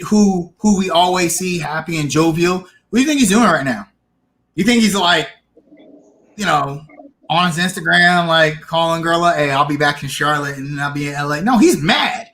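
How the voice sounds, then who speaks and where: A man co-hosting a casual sports podcast, opinionated and animated, restarting his sentences as he argues. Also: high-pitched. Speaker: podcast co-host.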